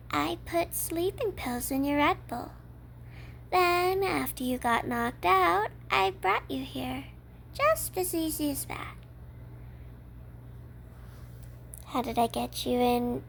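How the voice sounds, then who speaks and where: Woman acting high-voiced yandere kidnapper, ASMR role-play. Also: measured pace, creaky, fairly bright tone, a little hiss or hum, heavily acted. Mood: smug, playful. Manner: matter-of-fact, coy, addresses the listener as captive. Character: cheerful obsessive female yandere kidnapper, casually unhinged.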